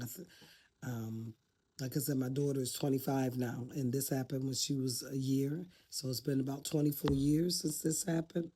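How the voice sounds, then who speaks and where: Mellow-voiced older woman vlogger. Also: extremely low pitch, breathy edge. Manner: reflective and heartfelt, speaking off the cuff. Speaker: vlogger giving life advice. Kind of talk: casual unscripted talk to camera.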